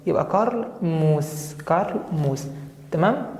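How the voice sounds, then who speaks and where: A woman with an Egyptian Arabic accent teaching a German grammar lesson, spelling out German verb forms slowly and checking in with her students after each point. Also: sits low, animated, a little mellow. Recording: echoey room with long reverb.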